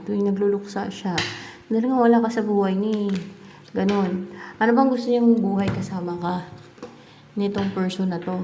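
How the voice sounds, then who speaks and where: Gravelly woman reading tarot. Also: medium pitch, mellow, slight background noise. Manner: musing, repeats herself, mixes English into speech. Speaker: tarot card reader. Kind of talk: casual spoken tarot reading.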